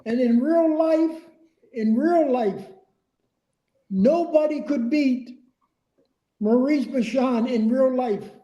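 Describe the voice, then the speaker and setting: With an extremely high, mellow voice, slow pace and long pauses, an older ex-wrestler shares anecdotes as a guest on a remote group voice call, leaning on repeated phrases for emphasis. The call audio sounds echoey and dull.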